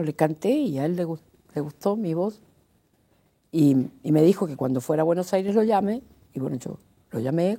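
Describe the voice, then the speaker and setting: Older woman, Correntino accent, low dark husky voice, lively storyteller acting out quotes; interview guest. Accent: Correntino Argentine Spanish. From Corrientes, Argentina. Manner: animated anecdotes, acts out quoted dialogue.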